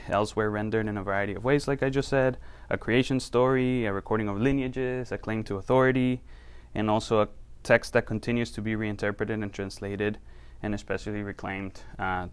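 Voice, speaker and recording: A man giving an academic presentation in a lecture room, his voice sitting on the low side and sounding smooth and clear. He talks in a loose, conversational way, pausing on fillers as he walks through his slides. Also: little pitch movement. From Costa Rica. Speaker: university researcher giving a talk. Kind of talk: academic presentation to a small audience.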